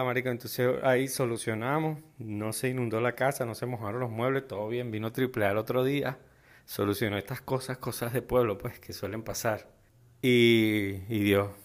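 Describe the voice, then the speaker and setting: A man with a Venezuelan accent hosting a casual solo podcast, rambling and joking in heavy slang. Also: mid-range voice. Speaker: podcast host.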